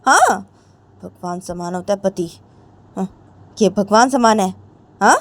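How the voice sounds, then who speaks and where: A woman voicing an angry, defiant young wife who fires back indignant questions in a shrill voice. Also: expressive, a little slow, natural voice. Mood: resentful. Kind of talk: amateur storytelling with acted voices.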